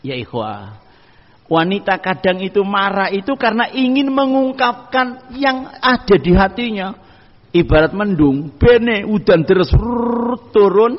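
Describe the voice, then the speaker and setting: Guy preaching, high voice, arabic quotes, dull echoey hall sound. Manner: homely advice mixed with Arabic quotes. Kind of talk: sermon.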